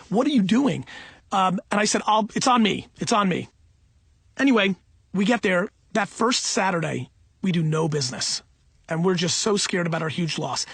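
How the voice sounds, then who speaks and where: A man telling a personal story in a casual, excited, rambling way, often breaking off mid-sentence. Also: high voice, husky, no room sound. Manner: excited, rambling, self-interrupting. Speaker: speaker answering audience questions.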